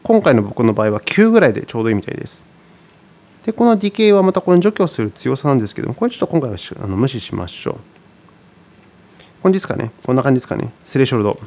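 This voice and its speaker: A man teaching guitar in a relaxed tutorial, chatty and thinking aloud with many fillers. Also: medium pitch, racing. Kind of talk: casual tutorial explanation.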